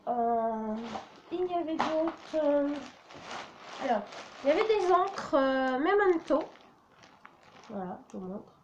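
A woman's voice: high-pitched, sing-song, slow, long pauses, highs cut off, a little hiss or hum. A woman casually showing her flea-market craft finds, hesitant and full of "euh" and "voilà". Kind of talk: casual show-and-tell vlog.

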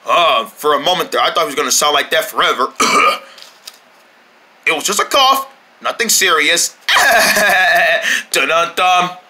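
Voicing the entire cast of a homemade paper puppet skit, one performer shifts between high squeaky and low put-on voices, with many shouts and tears. The performance is animated but runs a little slow.

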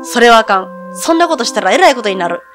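A gruff, tightfisted middle-aged lodge owner, put on by a woman reading a video game aloud, talking in blunt, clipped Kansai dialect. Organ music plays clearly underneath. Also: a little high, animated, fast talker, fairly bright tone.

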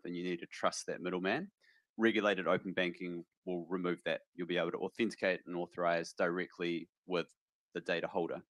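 A man speaking as a panelist on a conference stage, explaining in a measured, precise way into a handheld mic. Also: low-pitched, a bit bright, dry recording. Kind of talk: panel discussion.

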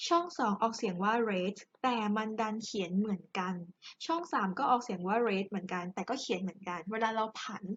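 A woman with a Thai accent, teaching English grammar in a chatty, big-sister way and reading the English examples slowly. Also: on the high side, fairly bright tone, muffled recording. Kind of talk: explaining grammar exercises to students.

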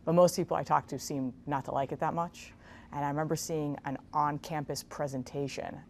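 Low, gravelly woman explaining steadily. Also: steady tone, a little mellow, a little hiss or hum. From Israel. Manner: measured, explanatory, with casual fillers. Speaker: guest, investment executive. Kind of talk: TV interview. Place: large bright room with garden windows. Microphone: lapel mic.

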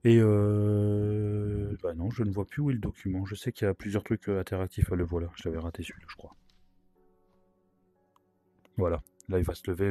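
A man with a sore throat and a worn-out, hoarse voice gives chatty, casual commentary as he plays a video game, with wry asides. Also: fairly low pitch, warm tone, no room sound. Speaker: gaming video host.

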